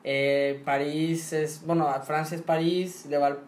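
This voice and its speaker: A man's voice: on the high side, flat delivery, measured pace. A young man in his late teens with a Monterrey accent, telling stories in a slangy, joking way as a podcast co-host. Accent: northern Mexican (Monterrey). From Monterrey, Mexico. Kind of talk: casual chat. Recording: echoey room, faint background noise.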